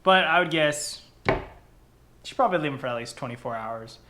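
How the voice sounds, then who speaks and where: A young adult man hosts a casual how-to vlog at his kitchen table at home, recorded by a camera across the table. His voice is on the high side and a little fast, and he's chatty and lively, repeating words and phrases as he goes. Background noise can be heard.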